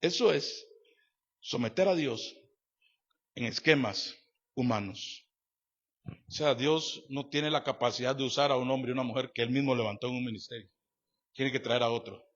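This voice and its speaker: A male pastor preaches at a moderate pace in a medium pitch, pausing often. His sermon is emphatic and repetitive, moving between loud declarations and quiet asides, with rhetorical questions aimed at the congregation, heard through a dull lo-fi church recording.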